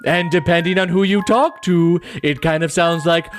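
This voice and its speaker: A man co-hosting an improvised comedy podcast, narrating deadpan and rambling in halting, restarting sentences. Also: on the high side, faint music behind.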